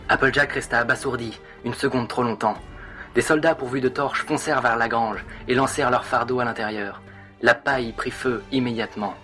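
A man with a bright, forceful voice narrating a dramatic story, leaning into each moment with expressive, theatrical delivery. Soft music runs in the background. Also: medium pitch, fairly quick.

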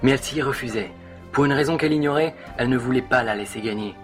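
A man narrating a dramatic fan story in an expressive, theatrical way. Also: medium pitch, fast, faint music behind.

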